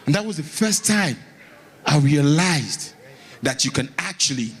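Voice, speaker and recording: This Nigerian comedian's voice is a little high and husky as he does stand-up storytelling before a live audience. He's animated, acting out his bits with dramatic pauses and repetition.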